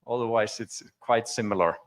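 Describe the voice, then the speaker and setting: On a conference stage in front of an audience, an Icelandic man gives a technical demo talk in a voice on the low side at a moderate pace. He explains things informally, in a conversational way.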